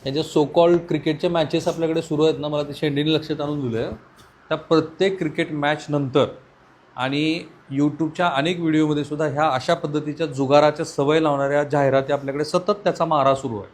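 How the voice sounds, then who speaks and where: A man interviewing a family on site, asking probing questions and giving earnest commentary. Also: a little high. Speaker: interviewer, vlogger.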